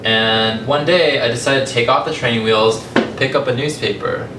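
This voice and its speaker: A medium-pitched young man from California speaks to listeners in a public talk, sharing personal stories conversationally and pausing deliberately between phrases. He founded a language company. A distant mic catches him in a reverberant room full of loud rumbling noise.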